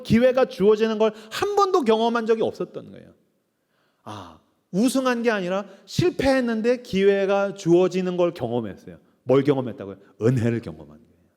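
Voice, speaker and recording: A man in his thirties preaching a sermon as pastor, telling a story with lively acted-out quotes. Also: high voice. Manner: animated storytelling, acting out quotes. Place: church sanctuary. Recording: echoey church hall.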